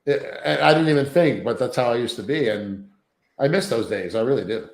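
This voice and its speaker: A man's voice: mid-range voice, brisk, gravelly. Guy in his 30s telling wild stories in an interview, swears a lot, echoey room. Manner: profane, animated anecdotes with acted quotes. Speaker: interview guest. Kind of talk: casual storytelling interview.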